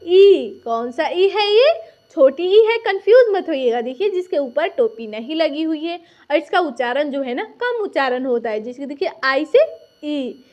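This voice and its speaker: A woman's voice: high-pitched, expressive, normal speed, a little mellow. A woman teaching a beginner lesson step by step, patiently asking questions and answering them herself.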